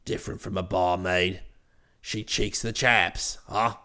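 Storybook role: deep, gruff, crude chap, overfamiliar. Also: male voice, fairly even intonation, unhurried, bright, forceful tone. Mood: cheery crude. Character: cheery, vulgar, overfamiliar former valet.

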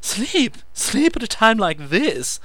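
A squeaky, shrill eccentric alchemist, bursting with manic excitement. He blathers breathlessly, his voice leaping high and loud, with a bright, sharp edge. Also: a little slow, no echo, exaggerated voice.

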